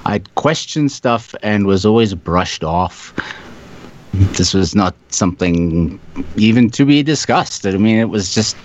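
Low-voiced older man. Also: expressive, a little hiss or hum. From South Africa. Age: 60s. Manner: reflective, halting with fillers. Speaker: guest. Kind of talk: casual storytelling. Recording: dull lo-fi sound.

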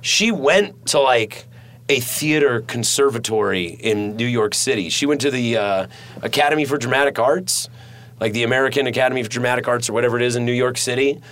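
A man's voice: medium pitch, fairly quick, fairly bright tone. Male podcast host, loose rambling chat, swears freely, studio mic. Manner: rambling and profane, many fillers. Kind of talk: casual chat.

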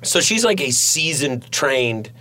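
A man's voice: medium pitch, sing-song, takes it slowly, sharp tone. Rambling, profane male podcast host. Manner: rambling and profane, many fillers. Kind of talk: casual chat. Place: podcast studio.

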